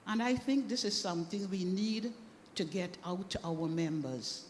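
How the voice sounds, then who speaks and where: A woman's voice: on the low side, normal speed. A woman speaking as a panelist in a church discussion, earnest and emphatic. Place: church hall. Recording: echoey hall, faint background noise.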